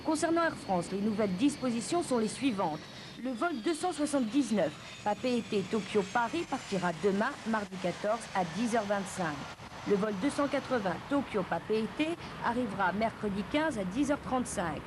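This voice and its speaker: Female news reporter over clear background noise. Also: on the high side, expressive, normal speed. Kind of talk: scripted television news narration.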